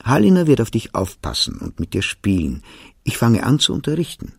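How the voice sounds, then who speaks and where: A man voicing a calm, reserved mother who is a teacher, speaking in a quiet, measured way. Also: medium pitch, vocal fry, husky, no room sound, clean studio sound, heavily acted. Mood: matter-of-fact.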